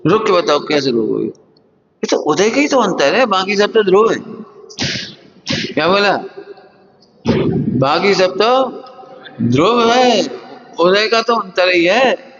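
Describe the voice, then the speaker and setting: A man's voice: high voice, expressive, slow pace, pauses often, a bit bright. A man giving a spiritual sermon, plain-spoken, putting questions to his listeners and using homely examples. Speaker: Jain spiritual teacher. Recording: dull lo-fi hall recording.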